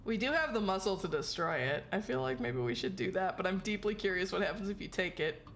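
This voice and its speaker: A woman's voice: mid-range voice, expressive, brisk, fairly bright tone, a little hiss or hum. Woman streaming a game with wry asides. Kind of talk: casual live game commentary and reading aloud.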